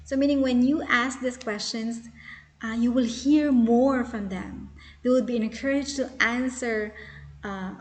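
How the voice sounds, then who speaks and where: A woman's voice: on the high side, unhurried. A woman teaching a lesson on spiritual care, explaining step by step with fillers and restarts. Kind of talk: teaching lecture.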